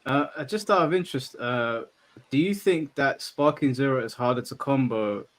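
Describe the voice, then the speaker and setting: A man's voice: mid-range voice, moderate pace. A man hosting a casual debate about games. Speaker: host.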